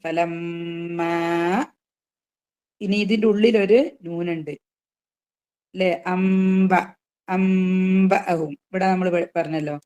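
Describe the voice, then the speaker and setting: A woman teaching a tajweed class, patiently explaining rules and asking students questions, drawing out recited examples slowly. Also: on the low side, a little mellow.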